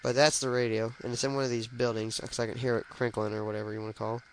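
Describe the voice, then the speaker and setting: A man's voice: mid-range voice, little pitch movement, quick pace, slight background noise, rough recording. A young man giving casual, jokey commentary as he plays a shooter game, narrating each move. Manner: chatty, jokey, narrates his moves as he plays. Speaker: let's play gamer.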